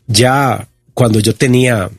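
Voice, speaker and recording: A Costa Rican man in his fifties, appearing as an interview guest, gives personal testimony in a reflective, halting way. His medium-pitched voice has vocal fry and fairly even intonation, captured in studio quality with no echo.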